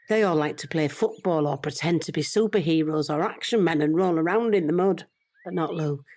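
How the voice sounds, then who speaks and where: An older woman voices a loving, regretful British grandmother in an audio drama, confiding her story reflectively and at a measured pace. Her pitch is fairly low and her tone darkish. She sounds fond and wistful.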